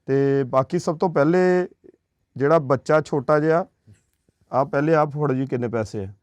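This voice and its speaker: A man's voice: a little high, normal speed, darkish tone, dry recording. Earnest man, reassuring and preachy. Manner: reassuring, preachy, asks short checking questions. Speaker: charity worker handing over aid. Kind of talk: earnest on-camera talk.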